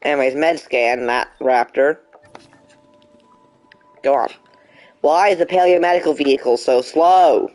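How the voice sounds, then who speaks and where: A man's voice: fairly high pitch, unhurried, long pauses, a little mellow, faint music behind. A young man streaming a game, chatting casually and talking back to the game in mock frustration. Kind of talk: casual live gameplay commentary.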